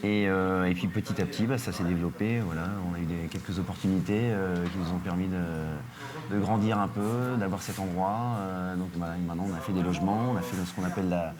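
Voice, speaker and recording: A man's voice: deep voice, steady tone, brisk, a crowd in the background. A middle-aged man from France who runs a surf school, talking in a casual interview, hesitant with many fillers and restarts.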